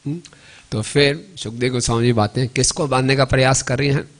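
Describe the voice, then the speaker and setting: A male preacher telling a devotional story in a temple sermon. He often adds tag questions and slowly chants verses. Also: mid-range voice, steady tone.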